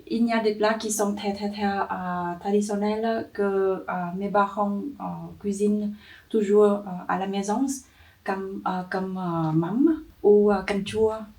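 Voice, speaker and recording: A young woman from Vietnam, speaking French with a Vietnamese accent, answers interview questions hesitantly, with many pauses and fillers. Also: mid-range voice, fairly even intonation, darkish tone, distant mic. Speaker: interview guest, entrepreneur.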